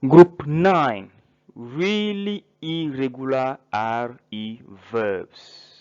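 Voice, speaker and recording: A man teaching a French grammar lesson in English, listing verbs slowly and spelling out word endings letter by letter. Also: mid-range voice, highs cut off. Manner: spells words out letter by letter, pauses between listed verbs. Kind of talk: slow grammar lesson narration.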